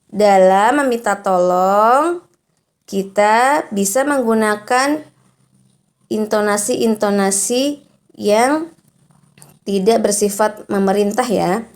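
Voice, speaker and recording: A woman teacher giving a recorded lesson to young children, explaining slowly and patiently and reading example sentences with exaggerated intonation. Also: mid-range voice.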